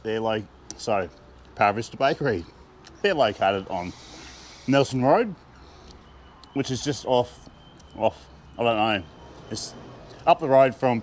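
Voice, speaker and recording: A man with an Australian accent reviews food in a casual vlog, chatting enthusiastically and laughing often. His voice is medium-pitched, with a little hiss or hum in the audio.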